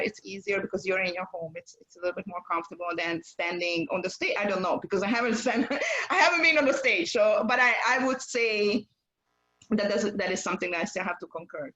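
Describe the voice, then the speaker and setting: A woman's voice: medium pitch, quick pace, pushed and bright, rough recording. A woman hosting a casual interview, speaking conversationally with hesitant, repeated phrases and non-native phrasing. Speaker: interview show host.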